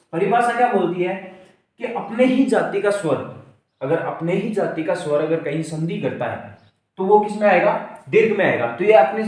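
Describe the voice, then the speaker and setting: A male teacher giving an exam-prep grammar lesson. He asks questions and answers them himself, and spells out word parts slowly. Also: on the high side. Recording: very echoey room, distant mic.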